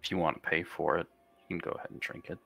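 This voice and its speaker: A man's voice: low-pitched, level tone, very fast, gravelly, pushed and bright, breathy edge. A man taking part in a tabletop role-playing game as a player, chatting casually.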